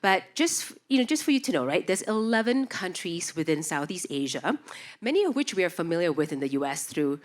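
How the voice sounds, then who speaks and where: Born in Indonesia and raised in Singapore, this woman moderates a festival panel, introducing it into a stage microphone. Her lowish voice swings widely in pitch and moves fairly quickly. She's upbeat, rattling off facts with many fillers.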